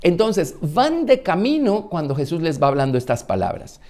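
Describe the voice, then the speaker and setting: A man's voice: fairly high pitch, sing-song, moderate pace, dark tone. A male pastor with a Guatemalan Spanish accent teaching a Bible study in a conversational sermon, with frequent fillers and restarts.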